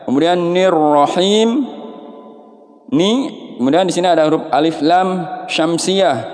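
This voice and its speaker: Male recitation teacher, slightly high voice, unhurried, chanting examples, reverberant space. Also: a little mellow. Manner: patient, slow explaining with drawn-out chanted examples. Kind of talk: tajwid lesson with chanted recitation.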